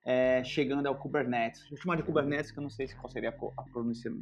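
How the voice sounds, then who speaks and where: Co-hosting a laid-back tech podcast, a Brazilian-accented man pushes his opinions emphatically and rattles off lists in quick bursts. He speaks in a mid-range voice with fairly even intonation over slight background noise.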